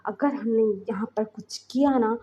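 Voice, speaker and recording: A woman voicing a restrained young man who speaks softly and earnestly. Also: a little high, unhurried, dull audio. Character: restrained young male alpha, gentle and firm.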